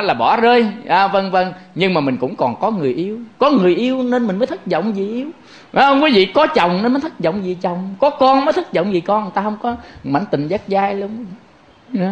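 A male Buddhist monk gives a conversational sermon, his voice sitting well above the usual male range. He jokes freely and keeps turning to the listeners to draw them in. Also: high-pitched. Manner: chatty and joking, constantly addressing the audience. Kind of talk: conversational sermon to lay followers.

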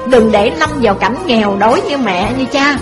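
A poor village mother pleading softly with her son, as a woman storyteller puts her on. The voice is high and coaxing. Faint music sits behind. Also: moderate pace, lightly acted. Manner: gentle pleading.

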